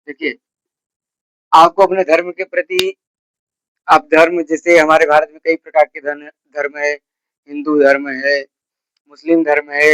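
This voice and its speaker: A man teaching a school history class. He asks his students questions and answers them himself, and he repeats the key terms slowly. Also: fairly high pitch, a bit bright, clear, resonant tone, no room sound, rough recording. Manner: repeats key terms slowly, with a filler word after each point. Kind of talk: classroom lecture.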